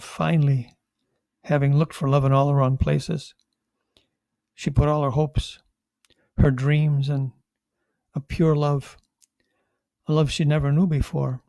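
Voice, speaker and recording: An older man, a priest, giving a conversational homily with halting restarts and wry asides. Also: on the high side, warm tone, no echo. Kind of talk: homily reflection.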